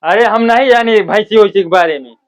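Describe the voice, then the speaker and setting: A man with an Awadhi accent playing a gruff, exasperated old father-in-law in a village comedy sketch. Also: high voice, fairly quick, highs cut off, very noisy, close to an everyday voice. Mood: angry, dismissive. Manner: grumbling, scolding. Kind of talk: rural comedy sketch acting.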